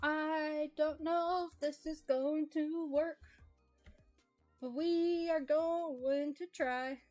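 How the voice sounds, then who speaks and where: A young woman reads a novel aloud on a live stream and chats with giggles between passages. Her voice is high and her pace slow. Faint music plays beneath. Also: fairly even intonation, darkish tone. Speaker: streamer reading a book aloud. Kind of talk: live-streamed book reading.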